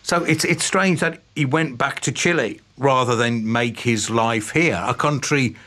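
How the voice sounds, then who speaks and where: A man's voice: medium pitch, a little slow, sharp tone. A man hosting a radio interview in a conversational way, often restarting his questions. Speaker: radio host.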